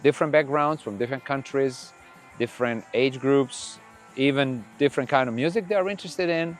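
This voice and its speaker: A middle-aged man from Croatia, a podcast host whose first language is Croatian, talking casually in a relaxed, rambling way with frequent restarts. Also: mid-range voice, fairly quick, faint music behind. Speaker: podcast host and record label owner. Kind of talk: casual monologue. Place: room full of records.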